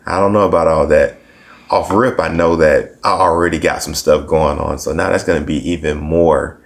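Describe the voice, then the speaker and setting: Raspy-voiced man, very deep. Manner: playful, animated storytelling with put-on quotes. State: raspy, recovering from a cold. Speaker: podcast co-host. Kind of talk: casual chat.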